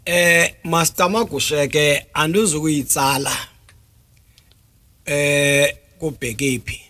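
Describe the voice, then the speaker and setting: A South African man speaks with a Xhosa accent in a fairly high-pitched voice. He explains as a guest in an interview, deliberate and often pausing on hesitation sounds. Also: bright, forceful tone. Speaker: traditional healer interview guest.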